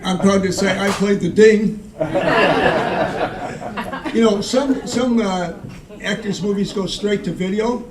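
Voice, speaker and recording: A man doing stand-up in a zany, halting, old-fashioned borscht belt style, telling corny one-liners. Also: sits high, steady tone, a crowd in the background. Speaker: stand-up comedian. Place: live comedy show before an audience. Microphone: far from the recording mic. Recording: distant echoey live room with audience noise.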